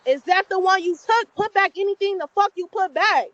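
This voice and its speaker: Very high-voiced woman scolding through a doorbell speaker. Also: a little fast, fairly bright tone, no echo. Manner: scolding, confrontational. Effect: heard through a doorbell camera speaker. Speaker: homeowner. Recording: dull, dry lo-fi doorbell speaker.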